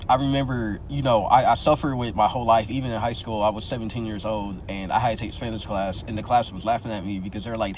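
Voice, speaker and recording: A man's voice: lowish voice, a little mellow, a little hiss or hum, low-quality recording. A man in his twenties with a slight lisp, talking casually and candidly to his viewers in a slangy way. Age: 20s. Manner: slangy and candid, tags phrases with "bro" and "yo", many restarts. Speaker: vlogger sharing his experience. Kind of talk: casual talk to camera.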